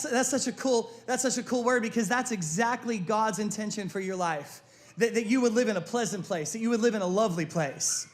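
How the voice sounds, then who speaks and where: High-voiced pastor preaching energetically. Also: male voice. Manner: energetic, repeats phrases for emphasis; asks the congregation for responses. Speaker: lead pastor. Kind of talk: sermon.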